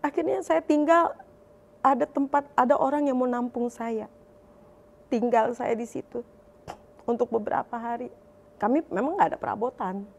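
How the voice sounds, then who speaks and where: A woman telling her personal faith testimony in an emotional, heartfelt way, her voice climbing higher as she recounts her prayers. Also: normal speed, vocal fry, pauses often, darkish tone. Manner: emotional, voice rising high when recalling prayers. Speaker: testimony speaker.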